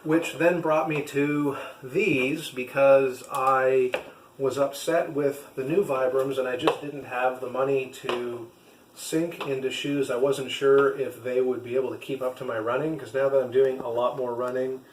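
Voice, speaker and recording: An echoey room recording with faint background noise carries a man's voice at an average pitch. He talks casually to camera like a hobby vlogger reviewing gear. His explanations ramble a little and come with hesitations. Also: fairly even intonation, measured pace. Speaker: vlogger and trail runner.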